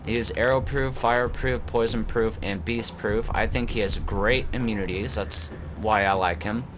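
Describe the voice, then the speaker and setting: A man's voice: fairly low pitch, steady tone, normal speed, noisy background. A man with a stuffy, congested voice from a cold, like he is talking through a tube, rambling casually as he hosts his gaming channel. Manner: rambling, loose, with many fillers and restarts. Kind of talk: casual gameplay commentary.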